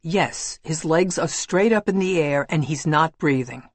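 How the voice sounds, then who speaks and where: A woman voicing a shrill, paranoid caller with a Queens accent who insists and scolds. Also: measured pace, no echo. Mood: indignant. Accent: New York, Queens.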